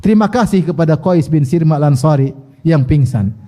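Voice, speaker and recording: A man's voice: a little high, expressive, fairly quick, warm tone. A man giving a religious lesson, reciting Arabic passages, then translating them and acting out the dialogue with humor. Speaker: Islamic preacher.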